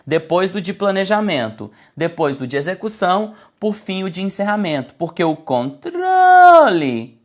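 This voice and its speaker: An exam-prep instructor teaching an online slide lecture, speaking didactically, addressing the class as "gente", checking in with "tá?" and shifting intonation to illustrate points. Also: mid-range voice.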